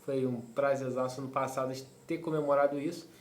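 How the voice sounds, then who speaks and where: A man's voice: medium pitch, steady tone, fairly quick, slight background noise. Fan-channel host man in an echoey room. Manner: rambling, frequent fillers and tag questions. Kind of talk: casual news commentary. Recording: roomy echo.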